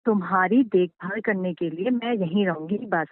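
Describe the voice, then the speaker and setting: A woman's voice: on the low side, moderate pace, dry recording. A woman playing a man's ex in a scripted couple drama, coolly insisting that she will move in. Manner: cool, pushy, matter-of-fact. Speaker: husband's ex in a staged call drama. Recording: tinny phone-line sound.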